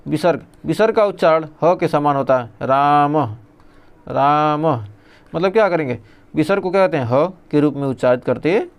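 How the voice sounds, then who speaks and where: A man's voice: a little high, animated, fast, a little mellow. A male teacher giving an exam revision lesson, reading out lists and asking and answering his own questions.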